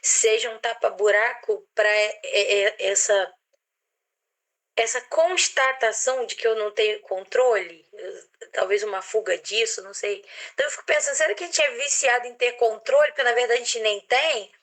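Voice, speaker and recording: A Brazilian woman with a slightly high voice, speaking in a casual reflective discussion. She hesitates often, restarting her phrases as she searches for the right word. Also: moderate pace, a bit bright. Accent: Brazilian Portuguese. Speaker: participant in a psychoanalysis online discussion.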